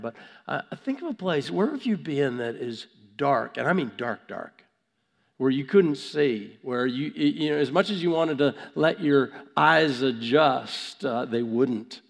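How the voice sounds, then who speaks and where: A man preaching conversationally with a gravelly voice affected by a cold, halting and repeating words as he stresses his points. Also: mid-range voice. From Vancouver, Canada. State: has a cold. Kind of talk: conversational sermon. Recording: long hall reverb.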